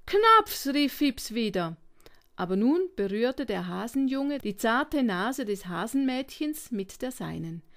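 Woman, narrator, children's story reading, high voice, slow pace. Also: lively intonation, darkish tone.

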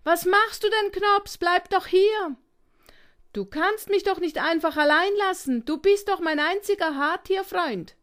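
A woman's voice: sits high, lively intonation, unhurried, pitched above the performer's own voice. A woman voicing a lonely young male monkey who whimpers and pleads in a storybook. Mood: pleading.

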